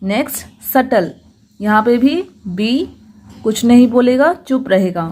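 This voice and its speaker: A woman, teaching English pronunciation patiently and slowing down to stress each rule. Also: fairly high pitch, expressive, darkish tone. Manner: patient, slows down to stress rules. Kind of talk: explanatory lesson.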